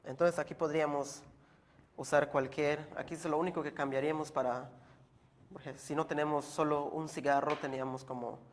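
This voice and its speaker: A man teaching a language lesson, explaining slowly and patiently and repeating each word so the learner can follow. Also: on the high side, fairly even intonation, slight background noise.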